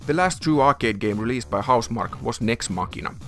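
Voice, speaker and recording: A man's voice: mid-range voice, fast, a bit bright. A man reading scripted documentary narration as a video narrator. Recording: music under the voice. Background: background music.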